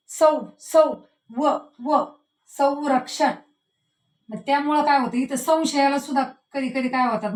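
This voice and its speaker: A woman teacher giving a grammar lesson, slowing down to stress each example word and tagging her sentences with the same little word. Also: a little high. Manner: repeats a tag word at line ends; slows and stresses words she demonstrates. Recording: echoey room.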